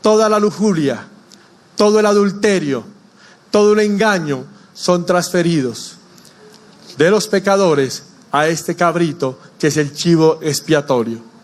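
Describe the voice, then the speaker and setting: Pastor guy preaching in church, highish voice, keeps quizzing the crowd. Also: unhurried. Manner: preaching with rhetorical questions to the congregation. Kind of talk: sermon.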